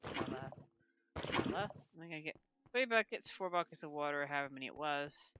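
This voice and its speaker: Speaking briskly with lively intonation in a low voice, a woman rambles and talks to herself as she plays a game at home. She's a gaming channel host doing casual let's-play commentary into a desk microphone, and the recording is very noisy.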